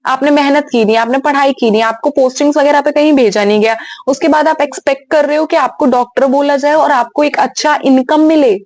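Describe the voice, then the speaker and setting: A woman's voice: sits high, fairly quick, a little mellow, dry recording. A young woman hosting a physiotherapy advice channel, answering viewer questions in a frank, direct, casual way. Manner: frank, direct, mixes English words into Hindi.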